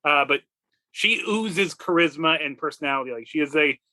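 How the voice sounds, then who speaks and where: A man co-hosting a casual podcast, talking eagerly and quickly and stumbling over his words. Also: a little high, bright, forceful tone, dry recording, rough recording. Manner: enthusiastic, fast, stumbling. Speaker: podcast co-host.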